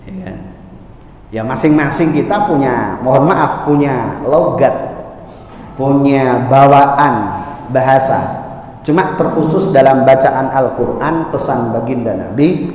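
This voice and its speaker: A man teaching Quran recitation in a mosque, moving between plain explanation and slow, melodic chanted verses. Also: mid-range voice, darkish tone, a little hiss or hum. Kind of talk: religious lesson with chanted recitation. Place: large mosque hall. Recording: echoey mosque hall, mic far off.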